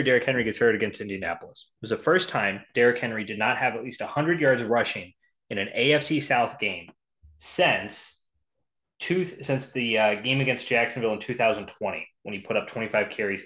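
A man's voice: medium pitch, brisk, a bit bright. Man rattling off football stats. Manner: rattles off stats, frequent ums and restarts. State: has the hiccups. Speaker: podcast co-host. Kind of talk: casual sports prediction talk.

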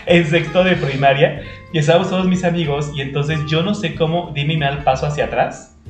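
A man's voice: fairly high pitch, fairly even intonation, brisk, echoey room, faint music behind. A man co-hosting a podcast, chatting casually and laughing often while he tells stories. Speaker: podcast co-host. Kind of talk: casual chat.

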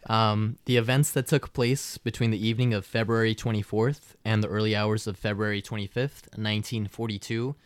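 A smooth, fairly deep American man tells stories as a podcast host. He is wordy and drifts into casual asides, with a dry, close sound. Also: steady tone, a little fast, hardly any pauses, no room sound.

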